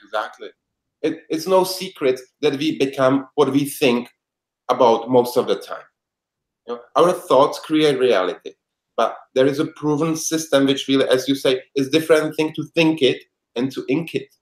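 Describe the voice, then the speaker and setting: A man's voice: mid-range voice, normal speed. A man from the Czech Republic with a Czech accent, speaking English as a second language and answering interview questions as a life coach in an earnest, heartfelt way. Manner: earnest, heartfelt, with non-native grammar. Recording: echoey room sound.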